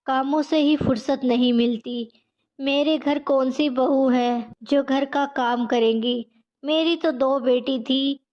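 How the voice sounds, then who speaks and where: A soothing, chatty neighbor lady from a storybook, as a woman narrator puts her on. High voice, slow unhurried delivery, on a dull lo-fi recording. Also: darkish tone. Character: gentle middle-aged neighbor woman.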